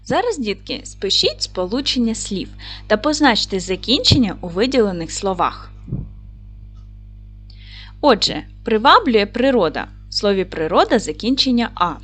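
A woman primary school teacher giving a recorded video lesson, speaking clearly and encouragingly to the children. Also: mid-range voice, big pitch swings, normal speed, a bit bright, faint music behind. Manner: clear, encouraging classroom delivery.

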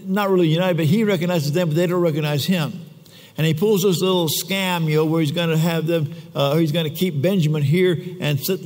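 Male preacher, conversational storytelling sermon, gravelly, long church reverb. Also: on the high side, a little mellow. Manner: conversational storytelling, chatty asides. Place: church sanctuary.

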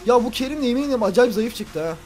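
A man's voice: lively intonation, rapid-fire, slight background noise. Man ranting through a football game. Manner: ranting at the referee, swinging between loud outbursts and low grumbling. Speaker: gamer playing a football video game. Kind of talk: let's play commentary. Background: faint background music.

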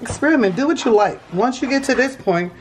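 A woman's voice: a little high, expressive, fast talker, slight background noise. A woman with a New Orleans accent, casually walking through a home recipe in a kitchen, easygoing and folksy. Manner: easygoing, folksy, repeats herself. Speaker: home cook teaching a recipe. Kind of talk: casual cooking demonstration.

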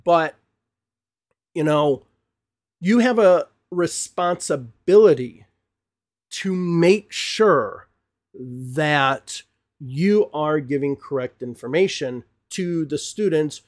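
In a small home studio lined with bookshelves, a middle-aged native English speaker with a higher-pitched, darkish voice delivers opinionated commentary to camera. The English teacher and host rants emphatically, repeats words and gestures widely, his podcast mic close on the desk in front of him.

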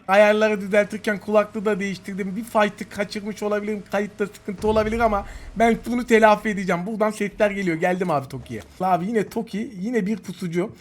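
Excitable, fast-talking man commenting on gameplay. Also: high-pitched. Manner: excitable, taunting opponents, talking to viewers. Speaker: gaming YouTuber. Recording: game gunfire loud behind voice.

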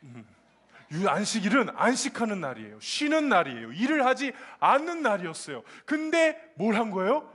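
Man, children's preacher, high-pitched, lively, question-and-answer sermon style. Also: moderate pace. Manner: lively, asks children questions, acts out quotes. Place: church children's service.

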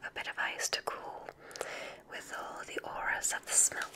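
Playing a kindly witch examiner at a magical school in ASMR roleplay, a woman whispers in a soothing, breathy, slow manner, gently enthusiastic and pausing on purpose. She sounds close to how she normally speaks.

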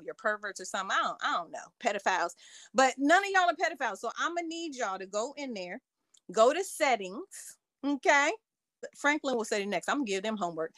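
Woman, livestream host, casual chat, playful teasing, high voice, dry sound. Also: a bit bright, no room sound. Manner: playful teasing, talks straight to viewers.

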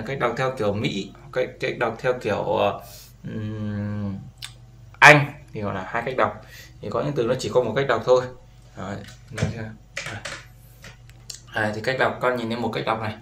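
A man's voice: medium pitch, steady tone, normal speed, vocal fry, pushed and bright. A man teaching a beginner English lesson, patiently repeating each word and often checking with "right?". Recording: roomy echo with faint background noise.

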